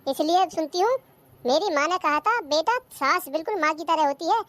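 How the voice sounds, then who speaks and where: A performer voicing a cheeky, lazy young daughter-in-law who talks back, in a cartoon comedy. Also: female voice, very high voice, expressive, normal speed, fairly bright tone, slight background noise. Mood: sassy.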